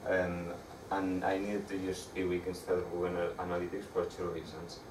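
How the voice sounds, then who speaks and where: A young man with a Spanish accent presents a technical talk to a meetup crowd, his voice low and flat. He stumbles and restarts often as he explains. The sound is distant and roomy, with noise in the background. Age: young adult. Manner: halting, with frequent restarts. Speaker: meetup speaker. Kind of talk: conference talk with slides. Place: dark room with projector screen. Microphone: far camera. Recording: echoey room, distant mic, audible background noise.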